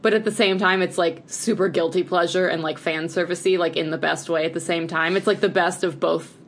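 On a casual podcast, a female co-host with a slightly low voice talks enthusiastically and fairly quickly, keeping a steady tone and using "like" constantly. Faint background noise sits under the audio.

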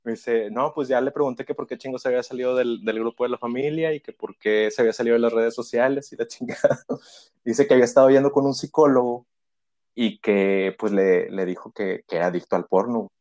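A man's voice: mid-range voice, a little fast. Slangy young Mexican man, laughing storyteller. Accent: Mexican Spanish. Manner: laughs often, heavy slang, animated retelling. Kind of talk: casual storytelling chat.

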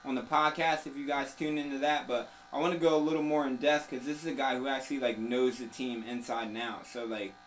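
A man's voice: medium pitch, fairly quick, hardly any pauses, low-quality recording. A man hosting casual sports talk, slangy, joking and opinionated, chatting through a haircut. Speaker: host of a sports talk show. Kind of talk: casual banter and sports chat. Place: room during a haircut. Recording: steady electric razor buzz, ambient noise.

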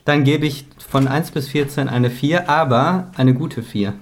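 A man's voice: medium pitch, a little slow. Man, casual chat, playful, rambling, faint background noise. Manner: rambling, self-correcting, playful.

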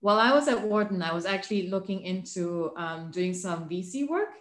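A woman's voice: fairly low pitch, expressive. Malaysian-raised woman in an echoey room. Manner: thoughtful, measured, many fillers. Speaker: guest, author. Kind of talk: remote interview.

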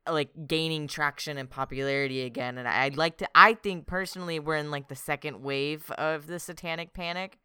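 A man's voice: fairly high pitch, brisk, hardly any pauses, bright, forceful tone, clean tone, dry recording, studio quality. A young man co-hosting a podcast, rambling casually with frequent swearing and filler words. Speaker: podcast co-host. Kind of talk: casual chat.

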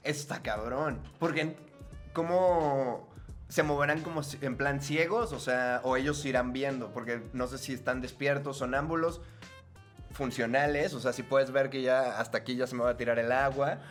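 A man's voice: mid-range voice, steady tone, normal speed, faint music behind. A man with a Mexican Spanish accent, co-hosting a podcast and telling crude, slangy stories in casual chat. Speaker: podcast co-host.

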